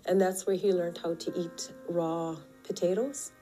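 A woman's voice: on the low side, steady tone, measured pace, warm tone, faint music behind, low-quality recording. A woman giving interview testimony about her family, talking conversationally and hesitantly.

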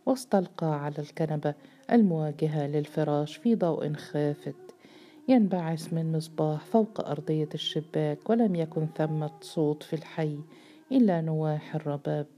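A woman narrating a novel aloud in a measured, steady storytelling voice. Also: deep voice.

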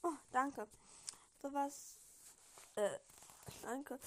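A woman's voice: high voice, extremely slow, fairly bright tone, heavily acted. A woman reading as a snobbish schoolboy wizard. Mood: bashful.

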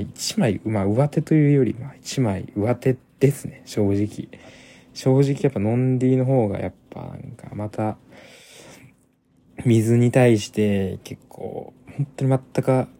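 A man's voice: on the low side, mellow. A young man hosting a casual solo podcast, rambling with many restarts and repeated fillers. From Japan. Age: young adult. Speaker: podcast host.

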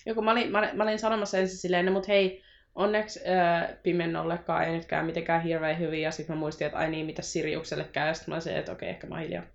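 A woman's voice: on the low side, little pitch movement, gravelly. A young woman co-hosting a casual podcast, chatty and exasperated, with lots of filler words. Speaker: podcast co-host. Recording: slightly dull lo-fi audio.

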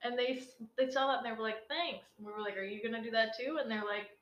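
A woman's voice: a little high, fairly even intonation, racing, lo-fi sound. Joking woman on a roomy podcast. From Canada. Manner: joking, irreverent, swears. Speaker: podcast co-host. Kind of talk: casual chat.

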